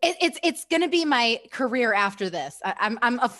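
A chatty woman runs a school staff webinar over a video call. Her voice sits a little high, and she keeps it upbeat and loose, laughing often and filling gaps with "like" and "um". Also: big pitch swings, a little fast, fairly bright tone. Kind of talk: casual presenting on a video call.

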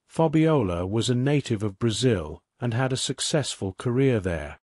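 A man reading scripted narration for an online mystery series in an even, measured documentary manner. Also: medium pitch, dry recording, clean studio sound.

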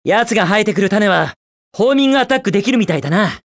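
Quick-paced and animated, this man's voice sits high, with no echo. His Japanese video game voice lines bring to life a young hedgehog hero built for speed, cocky and carefree, with a cool, brash, quippy delivery.

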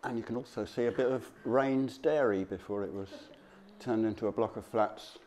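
A man speaking as a local history presenter, giving an informal slide talk to an audience in a halting, conversational, off-the-cuff way. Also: medium pitch, a little mellow, a little hiss or hum.

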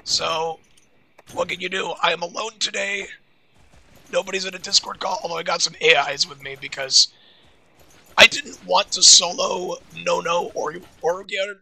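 Hoarse, gravelly high-voiced male gamer. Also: steady tone, moderate pace, long pauses, sharp tone. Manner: chatty, self-deprecating, easily puzzled. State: hoarse, raspy voice. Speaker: gaming video creator. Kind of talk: casual gameplay commentary.

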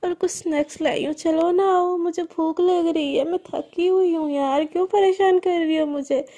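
A woman's voice: very high voice, steady tone, moderate pace, mellow. A woman narrator voicing a caring young woman who pleads and fusses with rising worry. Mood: coaxing.

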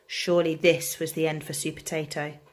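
A woman, a primary school teacher, reading a picture book aloud to children in an expressive, engaging way. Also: sits low, fairly quick, slight background noise.

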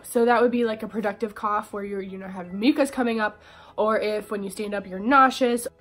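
A young woman vlogger with a stuffy, congested voice that is starting to go, giving casual fitness advice and saying "you know" and "like" a lot. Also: fairly high pitch. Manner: chatty, full of "you know" and "like". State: congested, voice going. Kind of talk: casual talking-head advice.

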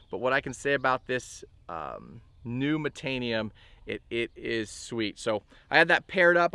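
A man in his thirties giving a relaxed, chatty fishing gear review to camera outdoors by a lake, with a lot of fillers. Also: medium pitch, clean tone, no echo. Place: outdoors on a bass boat by a lake.

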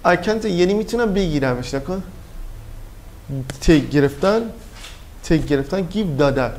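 Male teacher, high voice, quizzing a class through English phrases, faint noise behind. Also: animated, darkish tone. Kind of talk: classroom language lesson.

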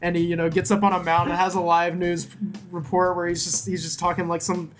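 A man's voice: high voice, completely flat delivery, fast talker. A man hosting a casual round-table chat, talking loosely with lots of fillers. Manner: chatty, lots of "like" and "you know".

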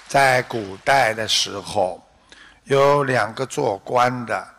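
A man with a Shanghainese-accented Mandarin, giving a deliberate, unhurried Buddhist dharma talk with a parable in a hall. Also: medium pitch, a bit bright. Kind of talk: slow measured sermon with parable.

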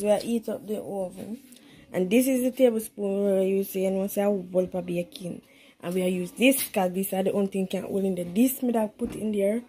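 A woman with a warm, medium-pitched voice and a Jamaican accent chats casually while vlogging her home cooking, slipping into Patois now and then. She films from behind a handheld phone in her kitchen, and the recording is noisy with clicks.

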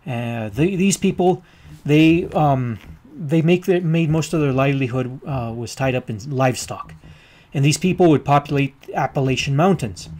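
A man giving a geography lecture over maps, speaking haltingly with many ums and uhs as he marks things with a pen. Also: a little high, lively intonation, a little mellow.

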